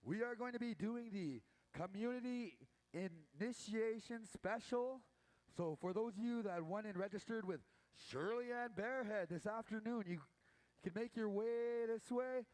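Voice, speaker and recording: A man's voice: high-pitched, unhurried, a little mellow. A man emceeing a powwow from an outdoor announcer's booth, making casual, informal announcements and draw calls.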